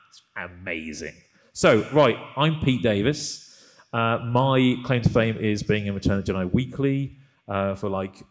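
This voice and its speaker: A man with a low voice hosts a podcast live in front of an audience. He is chatty and self-mocking, and his talk is loose and full of fillers. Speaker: podcast host.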